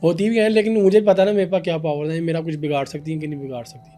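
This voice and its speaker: Man, slightly high voice, mellow dark tone, animated podcast storyteller. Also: racing, soft background music. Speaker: paranormal practitioner guest. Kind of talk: casual storytelling in a podcast interview.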